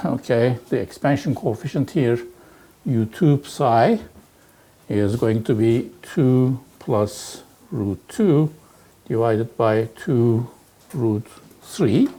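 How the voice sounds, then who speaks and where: A man lecturing on physics, working through exercises aloud in a halting way and peppering his talk with "okay" and "right". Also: mid-range voice, animated, mellow, breathy edge. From Turkey. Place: lecture hall.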